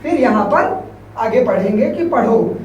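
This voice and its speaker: A man teaching a Hindi grammar class, asking questions and answering them himself, repeating key terms slowly as he writes. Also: very high-pitched, lively intonation, highs cut off. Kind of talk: classroom lecture explaining at a board. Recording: very echoey room, mic far off, faint background hiss.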